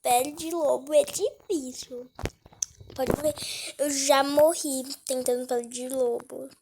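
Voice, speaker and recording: A woman with a cold narrates gameplay for her channel in a high, steady, slightly mellow voice, speaking slowly. She's chatty, easily spooked and often drops to a whisper. Slight background noise can be heard.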